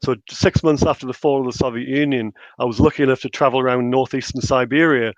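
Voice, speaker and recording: A middle-aged man with an educated Northumberland accent, talking in a measured way as a guest in a casual conversation. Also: mid-range voice, fairly even intonation, no room sound. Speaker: interview guest, researcher and author. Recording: slightly dull, band-limited call audio.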